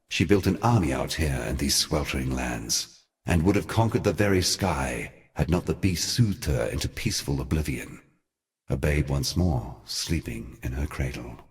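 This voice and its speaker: An ancient fallen deity speaks in an extremely low voice, a weary, eloquent schemer from a fantasy game. In this theatrical scripted dialogue, every grave, archaic phrase is measured and full of solemn sorrow.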